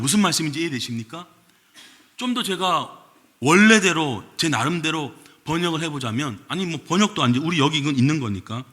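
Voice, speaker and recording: A man preaching a sermon as pastor, lively and quick to question his congregation, recorded in a church sanctuary. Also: a little high. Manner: animated, keeps asking the congregation questions. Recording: long reverb of a church hall.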